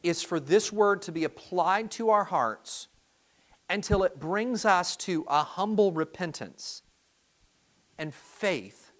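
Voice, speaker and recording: A pastor giving a sermon to his congregation, earnest and halting, often repeating words as he restarts his sentences. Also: sits high, fairly bright tone.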